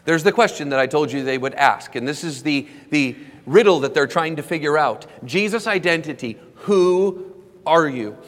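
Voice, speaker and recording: A man preaching a sermon in a church, measured, slowing down and acting out quoted questions for emphasis. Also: on the high side, fairly bright tone. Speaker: pastor. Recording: long hall reverb.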